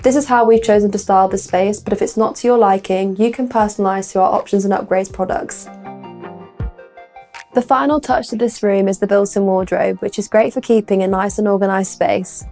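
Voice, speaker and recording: A woman's voice: mid-range voice, fairly even intonation, a little fast, a little mellow, soft background music. A young woman presenting a scripted house tour as a property presenter, with upbeat, complimentary sales patter. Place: indoor rooms of a furnished house. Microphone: lapel mic.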